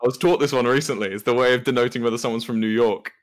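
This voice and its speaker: A man's voice: mid-range voice, fairly even intonation, very fast. Young English man, playful and sweary. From England. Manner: playful, swears freely, laughs often. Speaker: guest. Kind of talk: casual interview chat. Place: office building.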